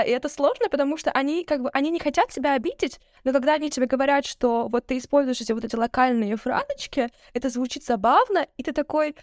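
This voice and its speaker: A young Russian woman, appearing as a podcast guest, tells stories in a rapid, animated casual chat and acts out the people she quotes. Her voice is high, captured in studio quality with no echo.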